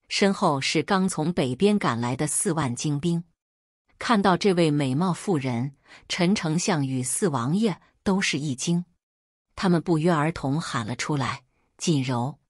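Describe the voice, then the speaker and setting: A woman reads a first-person story aloud with steady, dramatic pacing. Her voice sits low and has a husky edge, and the recording is dry and close to the mic. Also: no room sound. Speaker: narrator.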